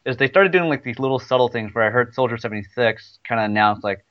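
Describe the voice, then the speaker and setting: A man's voice: medium pitch, quick pace, dull audio. A man chatting casually about a video game, rambling with many restarts. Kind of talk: casual gaming chat.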